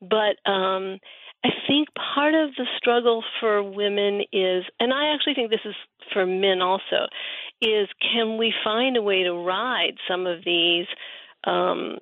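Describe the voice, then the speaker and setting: Heard over a narrow, phone-like connection, a woman with noticeable vocal fry answers interview questions. She talks conversationally and thoughtfully, halting as she works through anecdotes. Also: medium pitch, dry recording. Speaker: interview guest, researcher and writer on friendship. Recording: muffled, phone-like narrow band.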